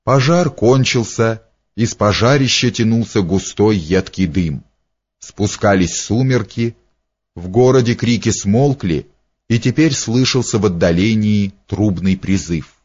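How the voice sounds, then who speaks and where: A man narrating an audiobook in a measured, even storytelling manner. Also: fairly low pitch. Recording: dull lo-fi recording.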